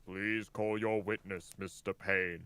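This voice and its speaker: A man's voice: low voice, steady tone, sharp tone, slight background noise, pitched below the performer's own voice, heavily acted. A man voicing a stern older male judge in a courtroom game, speaking formally. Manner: formal, measured.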